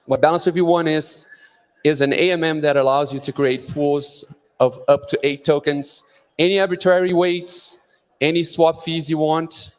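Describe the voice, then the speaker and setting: A man's voice: a little high, steady tone, moderate pace, clear, resonant tone. A man giving an earnest, rallying keynote at a conference, introducing his project. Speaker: conference speaker, project founder. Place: conference stage in a large hall. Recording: long hall reverb.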